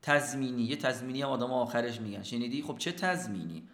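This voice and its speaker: A man gives a sales lesson in a lively teaching manner. He keeps posing questions and answering them himself. His voice sits at a middle pitch and rings in an echoey room. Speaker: sales trainer. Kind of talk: instructional talk.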